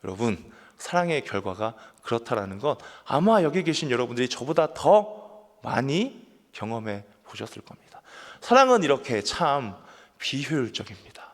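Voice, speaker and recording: A man's voice: mid-range voice, sing-song, moderate pace. A man in his thirties, a pastor, preaching an earnest sermon and often asking his listeners questions. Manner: earnest, asks listeners questions, builds to emphatic peaks. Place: church sanctuary. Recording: long church hall reverb.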